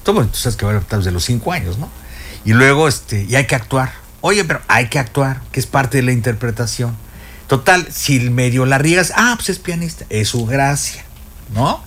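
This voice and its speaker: In a radio studio, an older Mexican man serving as the show's music expert spins anecdotes in loose, casual chat, often stumbling over fillers and starting sentences again. His voice is mid-range and fairly bright, animated but at a normal speed, with a Mexican Spanish accent.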